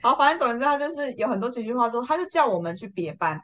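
Young taiwanese woman, podcast guest, quick and bouncy, laughs a lot. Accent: Taiwanese Mandarin. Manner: lively, acts out quotes with big pitch jumps, laughs often. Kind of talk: casual storytelling chat.

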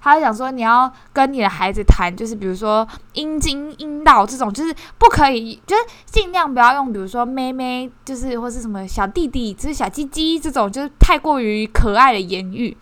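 A young woman talks casually and animatedly, often restarting her sentences and poking fun at herself. Her voice is bright and ringing and sits a little high. The sound is dry and close, with almost no room around it. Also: brisk, few pauses, no echo. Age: 20s. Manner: animated, self-mocking, frequent restarts and bursts of laughter. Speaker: course participant sharing reflections. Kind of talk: casual spoken sharing.

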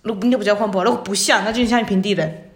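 A woman from Taiwan, chatting casually as a podcast co-host, talking fast with words run together and big swings in her intonation. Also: mid-range voice. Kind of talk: casual chat. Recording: roomy room echo.

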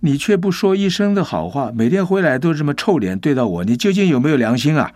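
A man voicing a tired housewife who scolds her husband in a shrill, tearful way. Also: sing-song, a little fast, breathy edge, dry recording, studio quality. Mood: aggrieved. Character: upset tired housewife, woman, middle-aged.

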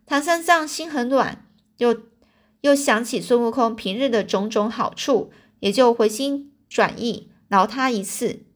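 A woman's voice: fairly high pitch, a little slow. A woman reading a children's storybook aloud, stopping to explain words in a chatty way.

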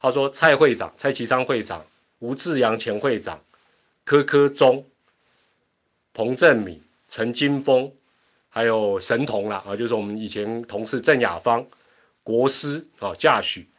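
Speaking in an unhurried, mid-range voice, a middle-aged livestream host with a Taiwanese accent chats and rambles over his home internet connection. Laughter comes frequently between his asides.

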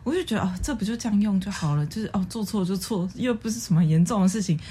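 A young woman, chatting casually as a co-host in a calm, quiet, measured way and airing mild complaints. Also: medium pitch, slight background noise. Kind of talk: casual chat.

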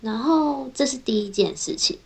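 A young woman engineer, telling her own workplace stories in a casual, chatty vlog, linking her thoughts with a steady run of "and then". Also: high-pitched, normal speed. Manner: chatty, strings thoughts together with frequent "then". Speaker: software engineer. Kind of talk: casual personal vlog storytelling.

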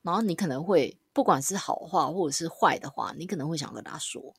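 A woman's voice: low voice, animated, a little fast, breathy edge, no echo, clean studio sound. A woman casually telling a personal story on a podcast. She swears now and then and acts out her own lines as quoted dialogue. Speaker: podcast co-host.

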